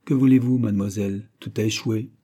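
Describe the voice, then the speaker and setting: Man reading as a young king, anguished, earnest, dark husky tone. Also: fairly low pitch, steady tone, a little fast, lightly acted. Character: young king, torn and sorrowful.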